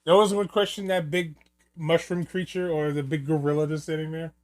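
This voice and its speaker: A man's voice: on the high side, flat delivery, a little fast, a little mellow. A man giving casual, rambling and joking film commentary, with some swearing. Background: film soundtrack music.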